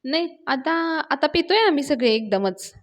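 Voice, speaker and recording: A woman voicing an eager young man who insists in a hurried way. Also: high-pitched, lively intonation, voice pushed up. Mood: insistent.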